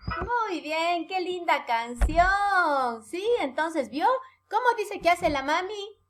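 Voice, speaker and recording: A woman teaching young children in a recorded lesson, talking in an animated, sing-song way and often checking that they follow along. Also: extremely high pitch, takes it slowly. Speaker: preschool teacher.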